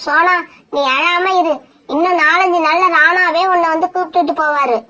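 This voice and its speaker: A woman's voice: very high-pitched, steady tone, normal speed, bright, forceful tone. A woman voicing a caring sister sparrow. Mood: concerned. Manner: soothing, concerned. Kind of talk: cartoon voice acting.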